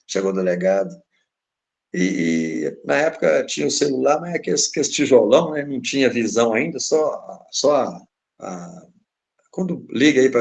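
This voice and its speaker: A man's voice: mid-range voice, vocal fry. A man with a Brazilian Portuguese accent giving a spiritist lecture, telling stories and acting out the voices in them. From Minas Gerais, Brazil. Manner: animated, acts out the voices in his stories. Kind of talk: religious lecture with storytelling.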